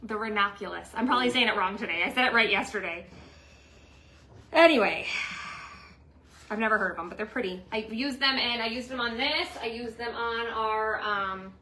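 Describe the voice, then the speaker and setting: Chatty woman doing a craft stream at home, bright voice, a bit of hiss behind. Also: fairly high pitch, normal speed, pauses often, rough recording. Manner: chatty, laughing, teasing her husband. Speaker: craft livestream host. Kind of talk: casual craft livestream chat. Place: home workroom.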